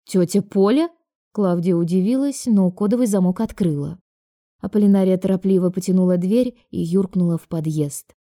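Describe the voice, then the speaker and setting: Warm, dark-voiced female audiobook narrator. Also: fairly low pitch, brisk, no echo, studio quality. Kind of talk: audiobook reading.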